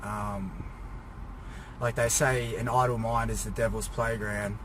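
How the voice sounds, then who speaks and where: A man's voice: lowish voice, flat delivery, measured pace. Exhausted man rambling in a noisy car. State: exhausted, drained after a workout. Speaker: fitness vlogger preparing for a bodybuilding show. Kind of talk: casual personal rant to camera. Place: inside a car. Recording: noisy car interior, vehicle ambience.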